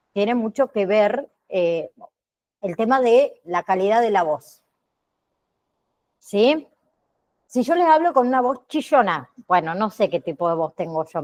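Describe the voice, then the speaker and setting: A woman teacher giving an online class lecture, speaking deliberately and checking in with frequent tag questions. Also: mid-range voice, darkish tone. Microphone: computer mic on a video call.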